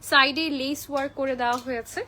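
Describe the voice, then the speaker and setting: A young woman, a little unwell, chattily pitching clothes on a live shopping stream and mixing in English phrases. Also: fairly even intonation, fast talker, bright, forceful tone, a little hiss or hum. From Bangladesh. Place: clothing shop.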